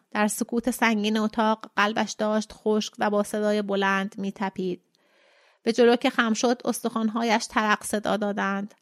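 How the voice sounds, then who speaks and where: A woman podcast host narrating a short story in a calm, measured reading. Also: medium pitch, no room sound, studio quality.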